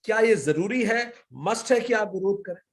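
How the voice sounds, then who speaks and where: This male yoga philosophy teacher gives a spiritual lecture in a high, expressive voice at normal speed. He poses rhetorical questions and answers them himself, sprinkling English words into his Hindi.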